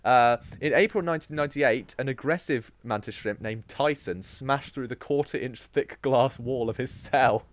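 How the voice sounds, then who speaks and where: A man's voice: mid-range voice, moderate pace, few pauses, no room sound. Jokey man hosting a podcast. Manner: chatty and jokey, laughs often, trails off into restarts. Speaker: podcast host. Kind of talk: casual podcast chat.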